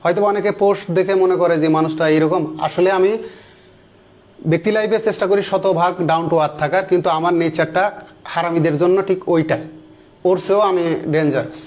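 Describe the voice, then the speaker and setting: A man in his thirties with a high voice teaches an online grammar lesson. He walks through each example step by step, asks his students questions and repeats the key words. He slows right down to spell out each English sentence. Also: steady tone, darkish tone, highs cut off. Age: 30s.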